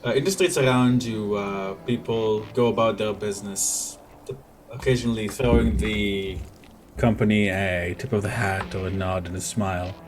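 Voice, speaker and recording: Man, low voice, tabletop game narration, halting descriptive delivery, noisy background. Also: fairly even intonation. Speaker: game master.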